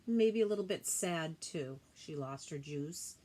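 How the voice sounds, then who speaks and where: A woman teacher with a deep voice and lively intonation reads a children's picture book aloud with plenty of expression. She pauses now and then to explain things to her young listeners in a gentle, simple way.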